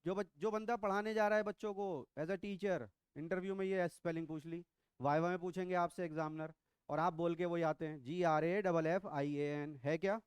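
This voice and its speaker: Middle-aged male biology teacher, high smooth voice, playful and quizzing. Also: steady tone, brisk, dry recording. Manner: teasing, quizzing students, mixes English into Hindi. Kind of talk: classroom lecture. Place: classroom.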